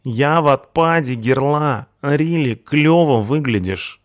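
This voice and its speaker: An excitable young punk, voiced by a man, gushes in slang in a raised, eager voice. He sounds breathless and boyish. The recording is dry and close. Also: medium pitch, takes it slowly, dry recording, voice pushed up, lightly acted. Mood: excited gushing.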